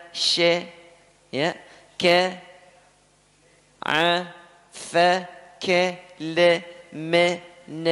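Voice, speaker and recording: A male recitation teacher, speaking at an unhurried pace. He patiently corrects students, repeating sounds slowly for them. His voice rings out with a long reverb, as if in a large hall. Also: fairly high pitch.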